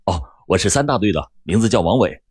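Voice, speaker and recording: A man voicing a calm, polite young male traffic officer who speaks steadily. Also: sits low, fast talker, slightly rough, no echo, clean studio sound, voice pushed down.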